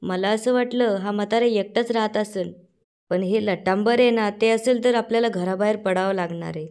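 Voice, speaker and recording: A scheming, hard-drinking middle-aged man who grumbles as he plots, as a woman reads his lines. He talks in a low, grumbling, plotting way. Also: normal speed, darkish tone, smooth, close to an everyday voice.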